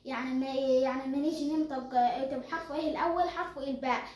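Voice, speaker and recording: High-voiced egyptian girl explaining tajweed, quizzes herself as she goes, echoey room. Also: fairly even intonation, racing, a little mellow, a little hiss or hum. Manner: asks and answers her own questions. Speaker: Quran recitation teacher.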